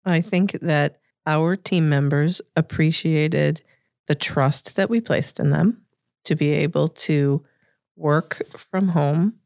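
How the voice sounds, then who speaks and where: A woman's voice: deep voice, slow pace, vocal fry, darkish tone, dry recording, studio quality. A woman with a Boston accent answering interview questions thoughtfully, as a guest. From Revere, Massachusetts, United States. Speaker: interview guest, corporate lawyer.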